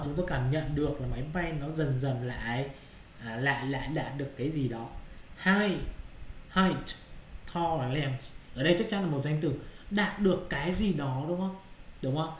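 A man's voice: on the high side, reverberant, a little hiss or hum. A male English teacher explaining exercise answers in Vietnamese, often checking whether students follow. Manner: repeats checking questions to students.

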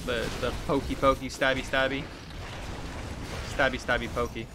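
Hosting a gaming video, a man in his thirties speaks at a moderate pace in a medium-pitched voice with little pitch movement. He rambles casually, talking to himself and reading quest text out loud, over clear background noise and game ambience.

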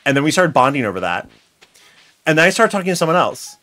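This fast-talking young American has a fairly high voice and chats on a live stream while gaming in a small home room. He tells animated stories and reads chat aloud, with faint game music in the background.

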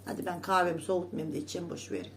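A woman's voice: fairly low pitch, lively intonation, quick pace, slight background noise. A woman vlogger in a casual monologue to her viewers, scolding and indignant, repeating herself with emphatic oaths.

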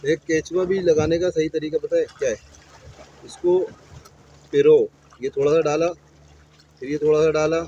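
A man in his thirties talks casually outdoors by the sea and explains in a relaxed way how to bait a hook. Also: a little high, normal speed, long pauses, husky, lo-fi sound. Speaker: angler vlogger. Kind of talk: casual vlog talk. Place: outdoors, on seaside rocks. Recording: noisy seaside ambience.

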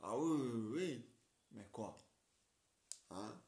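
An amateur playwright performs every role in his own homemade play, rambling and hesitant with frequent filler tags. His medium-pitched voice is animated, very slow and a bit mellow, captured in a roomy, echoey home recording.

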